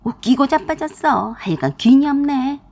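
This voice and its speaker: A woman's voice: sits high, animated, normal speed, darkish tone, voice pushed up. A woman voicing a bossy, scolding middle-aged sister-in-law in a narrated family story, domineering and nagging.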